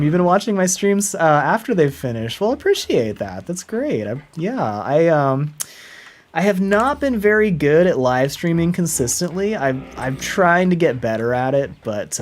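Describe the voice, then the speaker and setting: A man live-streaming a game, chatting casually and upbeat, rambling with fillers and soft laughs. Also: on the high side. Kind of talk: casual live-stream chat while playing.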